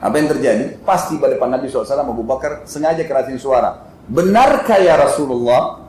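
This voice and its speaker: A man's voice: mid-range voice, very fast, a little mellow. A male preacher giving a sermon in a mosque, telling a story vividly and acting out the quotes. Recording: echoey mosque hall with faint ambience.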